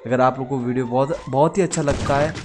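A young man, hosting a gaming channel and giving chatty, excitable commentary over live gameplay while joking with his viewers. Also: medium pitch, quick pace, background noise.

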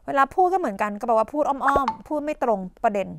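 A woman teacher explaining English idioms in a televised tutoring lesson, coughing now and then and dotting her talk with polite fillers and quick questions to the class. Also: fairly high pitch, lively intonation, noisy background. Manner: coughs and clears her throat often.

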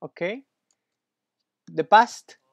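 Slow, patient male language tutor. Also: no room sound. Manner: patient, encouraging, praises often. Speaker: Spanish teacher.

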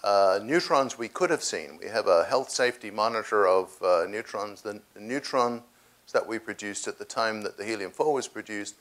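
An older man in a large lecture hall, answering audience questions on a lapel mic, halting with many restarts. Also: fairly low pitch, fairly bright tone. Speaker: guest speaker taking audience questions.

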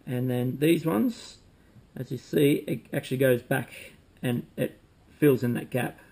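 A man, calmly demonstrating fly tying at a desk at home, talking while he works with frequent ums. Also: medium pitch, unhurried, vocal fry, slightly rough. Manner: relaxed, talks while working, frequent ums. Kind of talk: casual demonstration. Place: home room with bookshelves, indoors.

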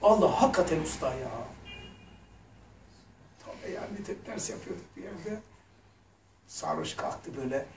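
A man's voice: sits high, animated, normal speed, gravelly, pauses often, slight background noise. A man giving a religious lesson, telling stories in a casual, colloquial way with blunt slang asides. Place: lesson room. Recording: roomy echo, mic far off.

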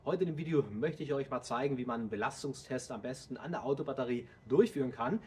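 The host of a DIY car channel, a man in his thirties, stands outdoors in a driveway beside a car and explains a how-to to viewers in a steady, direct way. His medium-pitched voice is slightly rough and he talks fast.

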